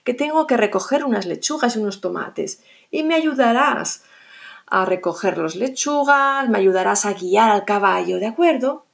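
A woman's voice: mid-range voice, animated, normal speed, vocal fry. A woman voicing a kind farming father in a storybook podcast, friendly and inviting.

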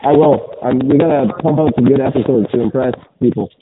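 A man's voice: medium pitch, a little fast. A man co-hosting a podcast in casual chat, his voice muffled as if talking through a sweater, rambling and swearing casually with many restarts. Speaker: podcast co-host. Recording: muffled phone-like line with background noise.

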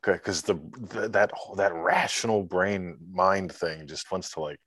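A man chatting on a podcast as a guest mentor, telling stories with lively acted-out scenes and sound effects. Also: deep voice, slow, dry recording, clean studio sound. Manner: animated storyteller, acts out scenes with sound effects. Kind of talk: casual podcast chat.

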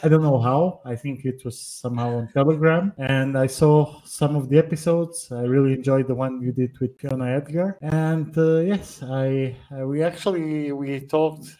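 A man from Portugal, a podcast guest, talking casually and hesitantly with many pauses and fillers. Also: on the high side, mellow. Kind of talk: casual conversational explanation. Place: home setup on a call, northern Poland.

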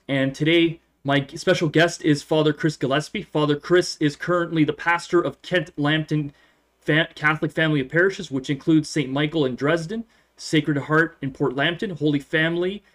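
A man's voice: fairly high pitch, fairly even intonation, moderate pace, a bit bright. A man, a priest, hosting an interview program and asking questions in a friendly, conversational way.

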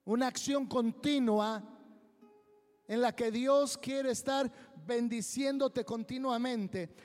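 Slow high-voiced man preaching in a hall. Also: a little mellow, faint music behind. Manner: slow, emphatic preaching with drawn-out phrases. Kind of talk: sermon. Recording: long reverb of a large hall.

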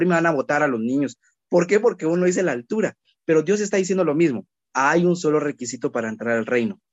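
A man preaching a sermon, who acts out children and worried adults in an animated way. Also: on the high side, no room sound. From Guatemala.

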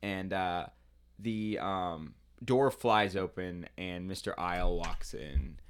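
A man's voice: low-pitched, slow pace, clear, resonant tone. A man narrating an improvised story as game master, rambling with lots of fillers.

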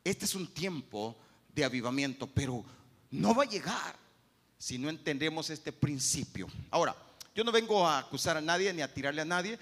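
High-voiced, bright preacher. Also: male voice, big-room sound. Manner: emphatic preaching, rhetorical questions, repeats phrases. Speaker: pastor. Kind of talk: sermon.

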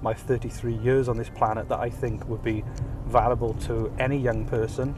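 A man's voice: medium pitch, flat delivery, normal speed, background noise. A Welsh man in his thirties hosts a casual, jokey podcast with many ums, recorded on a hands-free kit while he drives his car. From Wales. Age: 30s. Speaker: podcast host. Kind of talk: casual self-deprecating monologue. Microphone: phone hands-free kit.

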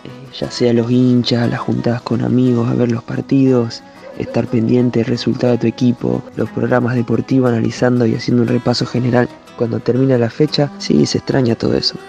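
A young man with an Argentine accent speaks as a guest on a radio show. His voice is gravelly and mellow, his manner earnest and conversational, with faint music under him. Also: mid-range voice, flat delivery, brisk, highs cut off. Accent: Argentine Spanish. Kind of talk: casual radio comment.

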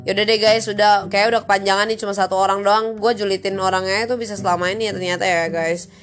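A woman's voice: medium pitch, fairly even intonation, quick pace, faint music behind. Chatty young Indonesian woman venting. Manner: chatty, slangy, exasperated venting. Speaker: vlogger. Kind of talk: casual storytelling vlog.

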